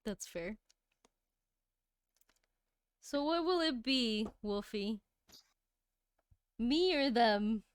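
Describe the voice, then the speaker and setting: A woman hosting a casual chat stream, talking in an animated, giggly way. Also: on the high side, very slow, pauses often, clean tone, dry recording, clean studio sound. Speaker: streamer host.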